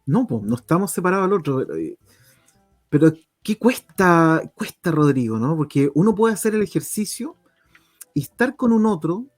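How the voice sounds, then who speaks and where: A man's voice: high voice, sing-song, normal speed, no echo, faint music behind. A man with a Chilean accent hosting a talk program, musing aloud and asking searching questions. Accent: Chilean Spanish. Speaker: radio program host.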